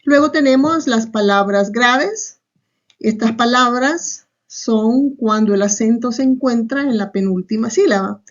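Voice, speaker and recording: A woman with a Salvadoran Spanish accent teaches a recorded online class, walking through each step and frequently adding a questioning aside. Her voice is fairly high and unhurried, and the recording is muffled and lo-fi.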